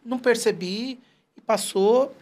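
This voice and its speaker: A man's voice: very high-pitched, a little slow. A man in his forties, a guest in a casual interview, telling stories and quoting people in short put-on voices. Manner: animated, storytelling, quotes people in put-on voices.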